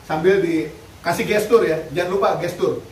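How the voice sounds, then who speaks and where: A man's voice: high-pitched, normal speed. A man chatting casually, giving blunt, joking advice on dog training and care. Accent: Indonesian. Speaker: dog rescue activist. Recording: roomy, distant mic, faint noise.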